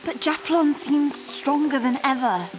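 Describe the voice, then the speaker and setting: Woman as a squeaky, excitable young hero. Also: a little slow, soft background music. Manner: eager, jokey. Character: excitable, playful young hero who addresses the listeners. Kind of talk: kids' audio drama.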